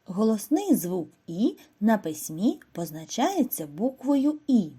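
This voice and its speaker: A woman giving a scripted reading and spelling lesson to first graders, speaking slowly and clearly and asking the children questions. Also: mid-range voice, big pitch swings, mellow. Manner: slow, clear, instructive delivery with questions to children. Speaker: primary school teacher.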